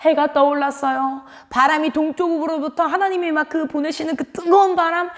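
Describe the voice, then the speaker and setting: A woman preaching a Sunday school sermon to children, telling the story in an animated way and asking the children questions. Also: high voice, a little fast, big-room sound. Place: church.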